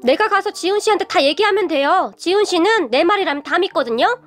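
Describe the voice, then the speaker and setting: A woman's voice: very high voice, animated, a little fast, a bit bright, faint music behind, voice pushed up. A woman voicing a brazen, scheming young woman who talks back defiantly in a radio story.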